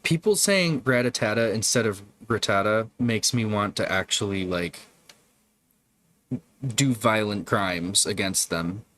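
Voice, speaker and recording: A man's voice: on the low side, measured pace, a bit bright, slight background noise. A man hosting a casual livestream, chatting with viewers in a rambling, profane way. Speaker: livestream host. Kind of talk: casual live-stream chat.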